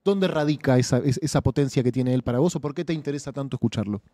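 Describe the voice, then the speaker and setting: Mellow Argentine interviewer, dry sound. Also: male voice, medium pitch, no echo. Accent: Argentine Spanish. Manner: measured, polite, short affirmations. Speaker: podcast host, interviewer. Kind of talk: interview questions.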